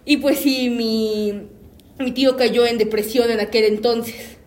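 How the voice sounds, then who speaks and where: A woman tells a personal story in an earnest, reflective way. Her voice sits slightly high, and she repeats words to stress a point. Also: fairly even intonation, a little slow, a little mellow.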